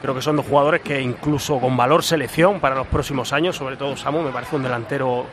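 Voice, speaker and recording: A man with a Spanish accent from Spain analysing a live football match in a halting, exasperated way, repeating words. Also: mid-range voice, steady tone. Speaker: football pundit. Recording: noisy stadium commentary position. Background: crowd and ambient noise.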